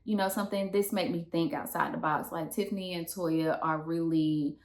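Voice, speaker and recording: A woman's voice: deep voice, steady tone, moderate pace. A woman co-hosting a business podcast, chatty and upbeat, talking casually with her co-host. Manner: upbeat, chatty, uses y'all. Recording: roomy echo.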